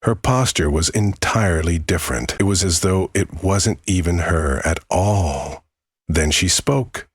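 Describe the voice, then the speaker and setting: A man with a low, husky voice narrates a horror story in the first person. He is measured and leaves dramatic pauses, and the sound is very dry. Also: dry recording.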